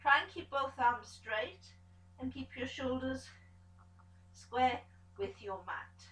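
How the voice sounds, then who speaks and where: A woman pilates instructor giving calm step-by-step cues to an exercise class, encouraging as she goes. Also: high-pitched, slow, recorded from a distance, a little hiss or hum. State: out of breath at times. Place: pilates studio room. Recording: echoey studio room, voice from off the mic.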